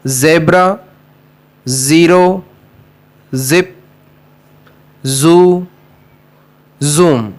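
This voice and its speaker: A man teaching a slow, deliberate phonics lesson, reading example words one by one. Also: a little high. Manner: slow, deliberate word-by-word listing.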